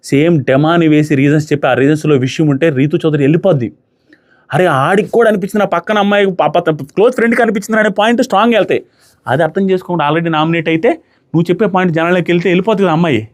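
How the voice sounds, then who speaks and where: Young guy rattling off a show recap, fast and a bit high, acts out the quotes. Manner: fast animated retelling, acting out quotes. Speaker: reality show reviewer. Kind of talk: casual commentary.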